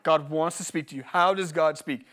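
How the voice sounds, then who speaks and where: High-voiced, lively male pastor. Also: normal speed. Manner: energetic, joking, repeats key phrases. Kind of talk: live sermon with personal stories. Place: church service.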